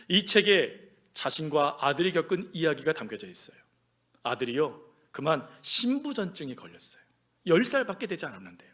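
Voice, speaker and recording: A man delivers a Sunday sermon in a high voice that leaps widely in pitch. He moves between ringing declarations and hushed, whispered lines, acting out quoted speakers and putting questions to the congregation. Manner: swings between loud proclamation and hushed near-whisper. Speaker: pastor.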